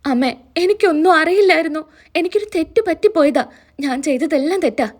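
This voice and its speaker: A woman's voice: very high voice, animated, fast talker, pitched above the performer's own voice. A woman retelling a story, voicing a young daughter tearfully begging her parents for forgiveness. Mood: pleading. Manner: pleading, tearful.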